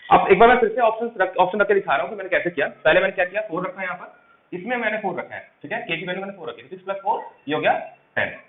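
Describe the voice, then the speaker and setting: A man's voice: high-pitched, expressive. A man teaching math step by step for an exam, asking questions aloud and answering them himself. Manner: explains quickly, asks and answers his own questions. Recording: echoey room over a phone-like mic.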